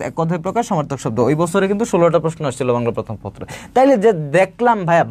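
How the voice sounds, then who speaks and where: A young male tutor from Bangladesh runs an online exam-prep lesson. His voice sits high and his delivery races along. He repeats key points and gives his students a pep talk. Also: a little mellow. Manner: fast, repetitive, pep-talk teaching. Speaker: admission test tutor.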